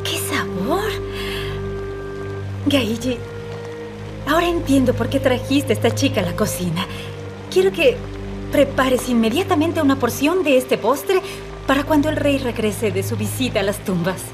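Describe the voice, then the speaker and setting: Haughty Egyptian queen, slightly high voice, commanding, formal, period drama dub, music behind. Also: animated, normal speed, pauses often. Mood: delighted. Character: haughty, imperious Egyptian queen, easily offended. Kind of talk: dubbed period television drama.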